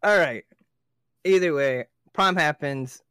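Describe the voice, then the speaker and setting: A young man with a somewhat high, bright, smooth voice takes his time, speaking in a forceful tone. He co-hosts a casual podcast chat, telling rambling stories, swearing a lot and laughing often. The recording is studio quality with no echo.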